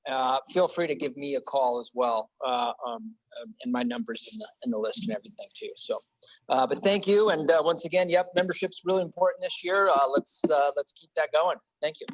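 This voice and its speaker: A man making membership announcements at a club meeting, halting and full of fillers. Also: fairly high pitch, no echo, rough recording. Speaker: membership officer.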